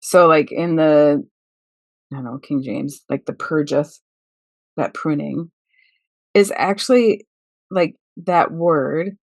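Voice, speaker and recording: A woman works through the meaning of words in a scripture passage, hesitant and full of small fillers. Her voice is somewhat low, and the recording sounds dry and close. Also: slow, pauses often, no echo. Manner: tentative, many "like" fillers, explains word meanings. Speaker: podcast discussion participant. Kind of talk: casual discussion of scripture.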